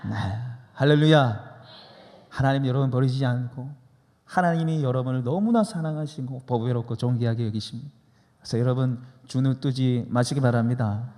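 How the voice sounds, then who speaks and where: A man's voice: medium pitch, normal speed, darkish tone. A man preaching a sermon as pastor, emphatic and leading the congregation in repeating lines. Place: church sanctuary. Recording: long church reverb.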